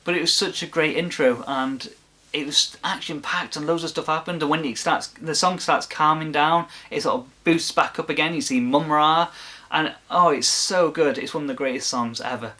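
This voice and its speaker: Male vlog host, slightly high pitch, chatty, enthusiastic and rambling. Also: moderate pace, pushed and bright. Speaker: video host. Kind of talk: casual chat to camera.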